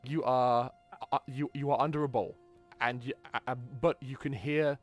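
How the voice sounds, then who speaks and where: A man's voice: medium pitch, fairly even intonation, normal speed, faint music behind. A man narrating as game master, often stumbling and restarting his words. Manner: stammering, frequent restarts.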